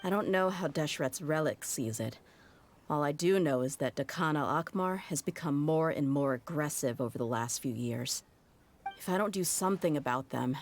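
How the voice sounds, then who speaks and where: Over slight background noise, a woman with a low-sitting voice plays a tough young female mercenary in a video game cutscene. Her lines are frank, wry, and matter-of-fact.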